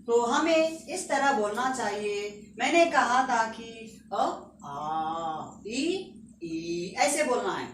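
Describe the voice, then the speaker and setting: A woman teaching a school lesson, patiently reciting letters one by one and explaining them slowly. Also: on the high side, expressive. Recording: echoey room, distant mic, faint noise.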